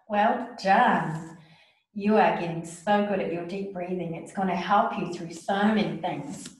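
Gentle woman in a very echoey room. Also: lowish voice, measured pace. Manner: soft, encouraging, coaxing; breathy audible sighs during breathing exercises. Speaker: children's yoga teacher. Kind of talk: gentle guided yoga lesson for children.

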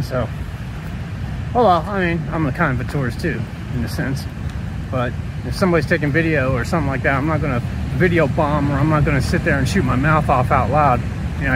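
A middle-aged man chatting casually on a travel vlog, filmed on a phone at arm's length outdoors, grumbling and joking in an offhand way. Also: fairly high pitch. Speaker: vlogger. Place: outdoors on a windy coast. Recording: loud wind and outdoor noise. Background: wind, traffic and outdoor noise.

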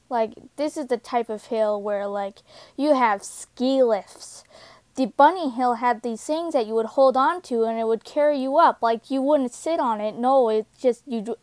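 A young woman casually telling a personal story, halting with many fillers and restarts, recorded on a close home microphone. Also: fairly high pitch, dry recording.

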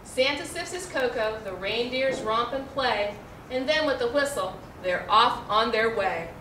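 Seated in front of a backdrop in an indoor room, a middle-aged American woman who works as a librarian reads a children's picture book a little slowly, with careful, expressive diction in her high, bright voice. The distant mic picks up lots of room echo and some faint noise.

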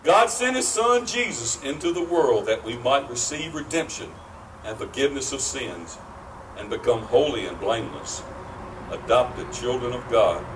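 A middle-aged man preaching a sermon at an outdoor pulpit beside a brick church, speaking slowly and earnestly with pauses, picked up by a distant camera microphone. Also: medium pitch, animated. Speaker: pastor. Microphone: far camera, at a wooden pulpit. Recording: distant outdoor mic, faint noise.

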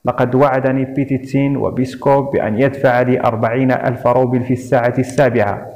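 A man's voice: medium pitch, flat delivery, fast, darkish tone, lightly acted. Man reading as a brash drunk young braggart. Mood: boastful. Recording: dull lo-fi recording.

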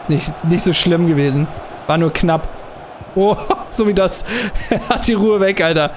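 A young man giving casual commentary while he plays a football video game, muttering at times and bursting out loudly at plays. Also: fairly high pitch, a little slow, background noise. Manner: excitable, swings from muttering to loud outbursts at plays. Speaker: gaming channel host.

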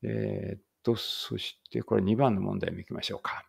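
Low gravelly guy teaching english read-aloud, chatty, keeps fixing himself. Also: fairly even intonation. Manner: chatty, self-correcting, reads English slowly. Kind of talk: casual read-aloud lesson.

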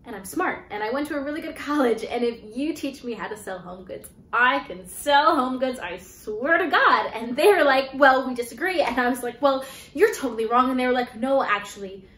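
An actress in her twenties performs a naturalistic contemporary stage monologue as a flustered, defensive young graduate without a job, rambling and hesitant with heated frustration. Her voice is high-pitched, bright, animated, and fast with few pauses. It's recorded indoors in a small bare-walled room that sounds echoey, with faint hiss and noise.

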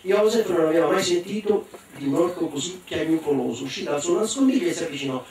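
A man reading a children's book aloud at a bookshop event in a lively, theatrical way. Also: on the high side, fast. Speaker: storyteller. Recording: echoey room from a distant mic.

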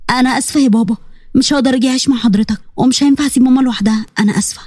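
A woman's voice: high voice, very fast, darkish tone, slightly rough, no room sound, studio quality. A woman voicing a poor young university student with an Egyptian accent, polite, hurt and pleading.

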